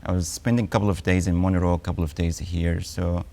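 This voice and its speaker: In a TV health interview, a male oncologist in his forties, Egyptian-accented, answers in a measured manner full of ums and uhs. His delivery is low-pitched and flat, with a warm tone.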